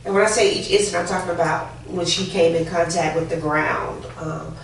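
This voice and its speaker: A woman's voice: on the low side, fairly even intonation, a little fast. A woman questioning a witness at a formal hearing, probing and repeating questions to confirm answers. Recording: echoey room, distant mic, faint noise.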